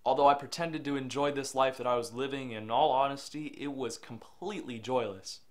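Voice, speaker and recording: A man's voice: medium pitch, fairly even intonation, a little fast, natural voice. Young man playing a regretful troubled youth. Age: young adult. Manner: quiet and regretful in narration, shouting in anger. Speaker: lead actor and narrator. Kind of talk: reflective voice-over narration and dialogue.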